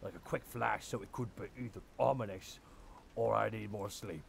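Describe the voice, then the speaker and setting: A man's voice: fairly low pitch, normal speed, vocal fry. A man chatting casually and playfully as a player in a tabletop role-playing game. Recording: background noise, room ambience.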